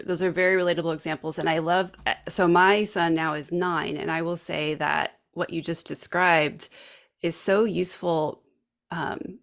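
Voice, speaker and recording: Low-voiced woman podcast host, gravelly. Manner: warm, reflective, frequent affirming murmurs. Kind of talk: conversational interview.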